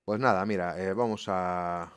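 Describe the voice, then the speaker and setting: Speaking low, smoothly and a little slowly with fairly even intonation, a gaming YouTuber narrates live bus-driving gameplay from a room at home. He still swears often and grumbles to his viewers, clearly exasperated.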